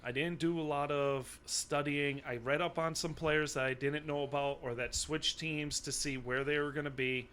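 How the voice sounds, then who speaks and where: A man co-hosting a casual podcast chat, emphatic and building up loudly when he gets going. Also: on the high side, steady tone, normal speed, few pauses, slight background noise. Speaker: podcast co-host. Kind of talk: casual fantasy football chat.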